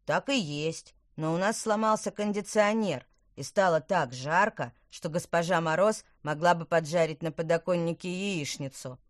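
A woman's voice: fairly low pitch, normal speed, hardly any pauses, no room sound, clean studio sound, lightly acted. A woman voicing a plucky young schoolboy in a storybook. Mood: eager.

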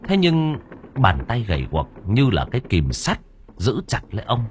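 Lively, expressive male storyteller. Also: medium pitch, moderate pace, a little hiss or hum. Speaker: audiobook narrator. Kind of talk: dramatic story narration.

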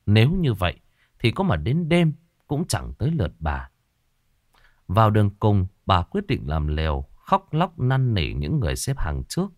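A man's voice: on the low side, huge pitch swings, moderate pace, a little mellow, dry recording, clean studio sound. A man narrating a ghost story in a dramatic storytelling style.

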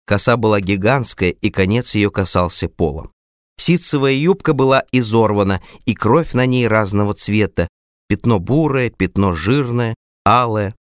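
A man reading a literary audiobook aloud in the first person, expressive and dramatic. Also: fairly low pitch, no echo, studio quality. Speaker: audiobook reader.

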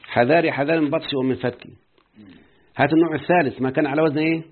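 Husky Egyptian teacher on lo-fi audio. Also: male voice, fairly high pitch, fairly even intonation, very fast. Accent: Egyptian Arabic. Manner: quizzes students often with rhetorical questions. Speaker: Arabic grammar teacher. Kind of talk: classroom grammar lesson. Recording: muffled phone-like lo-fi audio.

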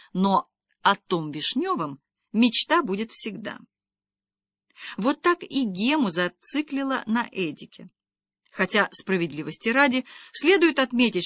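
A woman narrating a novel as an audiobook reader, with expressive, ironic storytelling, recorded close to a studio mic. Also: mid-range voice, no echo.

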